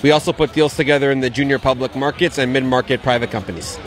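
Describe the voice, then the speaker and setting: Speaking into a handheld interview mic on an outdoor patio at an event, a man of around thirty answers questions about his investment banking business. His medium-pitched voice holds a steady tone at a quick pace.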